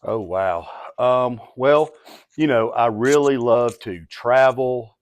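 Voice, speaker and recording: A man giving poised pageant-style interview answers, earnest and deliberate, with halting pauses between phrases. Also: medium pitch, no room sound. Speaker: coach being interviewed.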